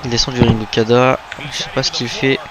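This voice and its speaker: A man's voice: mid-range voice, level tone, quick pace, a crowd in the background, rough recording. A man doing play-by-play wrestling commentary, calling out the moves and exclaiming at the big ones. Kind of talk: play-by-play wrestling commentary of a video game match.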